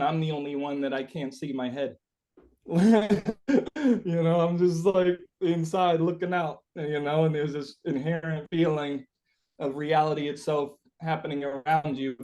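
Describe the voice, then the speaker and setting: In an interview, a musician talks casually and reflectively, thinking aloud in a rambling, philosophical manner. His voice is slightly high with a somewhat dark tone.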